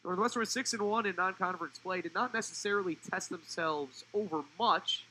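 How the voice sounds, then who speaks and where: Bright-voiced man calling a soccer match. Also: brisk, a little hiss or hum, rough recording. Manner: fluent, rises in pitch on attacking plays. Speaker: play-by-play commentator. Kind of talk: live sports commentary.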